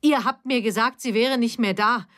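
Eine Frau spricht in einer Hörbuchlesung eine verzweifelte junge Mutter, die flehend fragt und laut wird. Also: female voice, mid-range voice, measured pace, natural voice. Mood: shouting. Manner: pleading, rising to shouting. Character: distraught adult daughter, a young mother.

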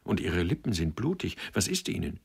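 A man doing a brisk, commanding actress. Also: sits low, big pitch swings, vocal fry, husky, full character voice. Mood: worried. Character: sharp-tongued female actress, firm and caring.

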